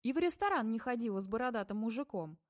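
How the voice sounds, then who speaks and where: A woman's voice: a little high, lively intonation, fast, a little mellow, no room sound, clean studio sound, lightly acted. A woman voicing an accusing, sarcastic ex-lover. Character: angry jealous ex-lover, adult man.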